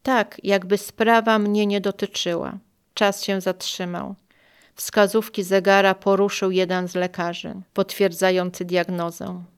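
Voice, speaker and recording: An older woman reading her own memoir aloud in a calm, measured, quietly emotional way. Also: mid-range voice, clear, resonant tone. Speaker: memoir narrator.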